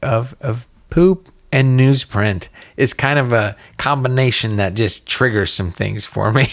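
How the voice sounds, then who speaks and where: A man co-hosting a casual podcast from a room at home, rambling and breaking off mid-thought with quick laughs. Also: mid-range voice. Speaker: podcast co-host. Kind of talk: casual chat.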